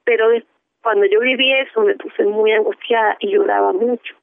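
A woman therapist telling a case story in an animated, lively way over a phone line. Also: mid-range voice, normal speed, gravelly, dry recording.

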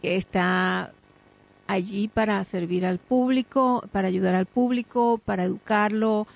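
A woman's voice: mid-range voice, unhurried, gravelly. A middle-aged woman, co-hosting a radio talk show in an earnest, emphatic way and laughing often. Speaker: radio co-host. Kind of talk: casual radio chat. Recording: dull lo-fi radio sound.

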